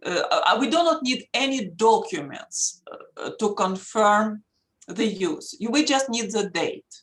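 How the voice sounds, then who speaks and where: Slow Russian-accented woman lecturing. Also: medium pitch, lively intonation. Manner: slow, explanatory, plain wording. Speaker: guest speaker on intellectual property. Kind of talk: online lecture and Q&A. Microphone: video call.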